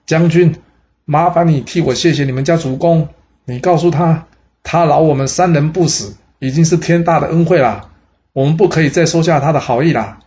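Guy doing a proud general shouting from a boat, formal and emphatic, storybook voice. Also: mid-range voice, normal speed, lo-fi sound, natural voice. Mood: defiant. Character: proud male general, defiant and dignified.

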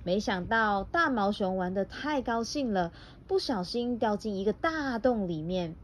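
A woman's voice: mid-range voice, expressive, measured pace, slight background noise. A woman reading a picture book aloud to her child, playful and laughing, stopping often to quiz the child.

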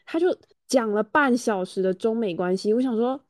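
A woman's voice: a little high, normal speed. A woman with a Taiwanese Mandarin accent, co-hosting a casual podcast and complaining in a chatty way. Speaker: podcast co-host. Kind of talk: casual chat.

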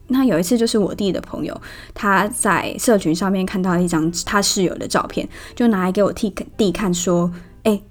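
A woman with a Taiwanese Mandarin accent, hosting a casual storytelling podcast and telling it in a chatty, animated way. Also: mid-range voice. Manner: chatty and animated, laughing at her own stories. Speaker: podcast host.

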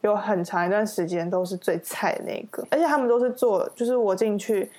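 A woman's voice: medium pitch, a little fast, a little mellow. Easygoing young woman chatting. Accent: Taiwanese Mandarin. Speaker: podcast co-host. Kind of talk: casual chat.

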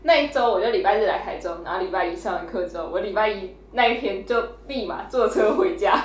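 A woman's voice: medium pitch, lively intonation, quick pace. A young woman hosting a casual podcast, telling a funny story animatedly with laughter and acted-out quotes. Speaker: podcast host. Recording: roomy echo, faint noise.

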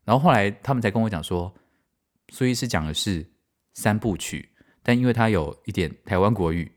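A middle-aged man with a Taiwanese Mandarin accent, hosting a podcast and telling stories in an animated, self-mocking way with frequent laughter. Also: lowish voice, fast talker. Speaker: podcast host and stage director. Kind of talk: casual storytelling, answering listener mail.

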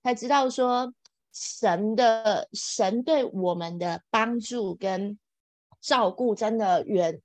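Female podcast guest, expressive storyteller with excited high bursts, dry close sound. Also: slow, dry recording. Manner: expressive, exclamatory, laughs often, jumps between high excited bursts and soft asides. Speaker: podcast guest, event planner. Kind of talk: animated personal storytelling.

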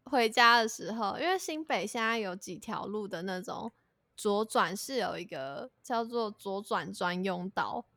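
A woman's voice: mid-range voice, lively intonation, measured pace, creaky, sharp tone, no room sound, studio quality. A woman with a Taiwanese Mandarin accent chatting casually, mostly giving short listening replies and brief comments. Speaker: podcast co-host. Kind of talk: casual chat.

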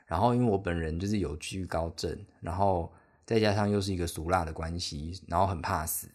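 A man's voice: deep voice, brisk, darkish tone. A young man with a Taiwanese Mandarin accent hosting a solo podcast, telling a travel story in a rambling, self-deprecating, chatty way. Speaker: podcast host.

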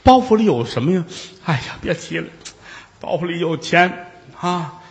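A frantic old man in his sixties, acted by a male storyteller, rambles anxiously and pleads for help. His pitch swings widely and sits a little high. The voice rings in a long reverberant hall. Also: animated, moderate pace.

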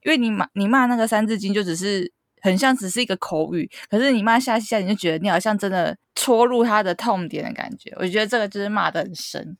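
Gravelly, blunt Taiwanese woman. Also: medium pitch, fast, hardly any pauses, dry recording, studio quality. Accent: Taiwanese Mandarin. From Keelung, Taiwan. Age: 30s. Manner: frank, blunt, heated. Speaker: podcast co-host. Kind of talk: casual chat. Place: home, recorded remotely.

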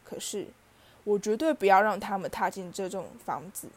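A woman voicing a gruff, blustering middle-aged uncle who barks orders in a storybook reading. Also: mid-range voice, normal speed, lightly acted. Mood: grim. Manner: shouting, snapping orders.

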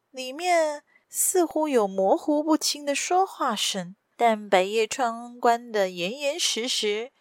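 A woman reading a story aloud as a podcast storyteller, steady and measured, close to the mic. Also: fairly high pitch, dry recording. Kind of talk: scripted story narration.

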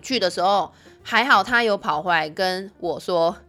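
A woman's voice: medium pitch, moderate pace, bright, forceful tone, faint music behind. A woman in her thirties hosting a podcast, chatting casually with lots of filler words. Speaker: podcast host.

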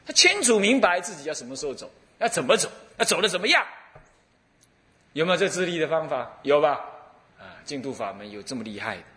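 A man with a Taiwanese Mandarin accent, a Buddhist abbot giving a dharma lecture with lively, humorous storytelling. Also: on the high side, fast talker.

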